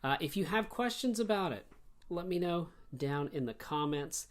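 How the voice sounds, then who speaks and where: A man teaching an online English grammar lesson, explaining step by step in an animated way. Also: a little high, normal speed.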